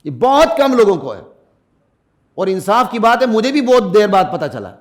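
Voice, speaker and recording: Delivering a Friday sermon, a middle-aged mufti speaks in a sing-song manner, rising emphatically to loud peaks and sinking into low asides to the congregation. Arabic verses are chanted with melody.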